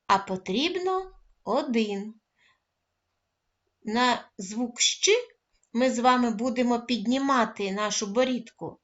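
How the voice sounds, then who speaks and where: A woman primary school teacher giving a recorded lesson to first graders, speaking gently and praising the children often. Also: a little high, highs cut off.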